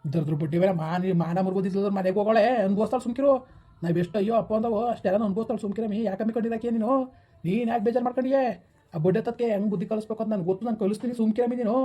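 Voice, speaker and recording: A stern village woman, played by a woman scolds and consoles her relatives in a family-drama skit. She speaks at a rapid clip, in a mellow, darker voice. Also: mid-range voice, close to an everyday voice. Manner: scolding, hushing others, rapid-fire.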